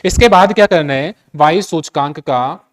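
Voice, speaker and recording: A man's voice: fairly high pitch, moderate pace. A man with a Hindi accent teaching chemistry in a lecture, repeating key steps and asking rhetorical questions to check that students follow. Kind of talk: classroom lecture.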